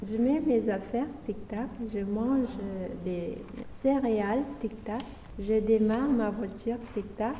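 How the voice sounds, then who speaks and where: A woman's voice: fairly high pitch, unhurried, few pauses, warm tone, a little hiss or hum. A woman giving a rhythmic poem recitation in short lines, each broken by a chanted refrain. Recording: echoey hall from far off.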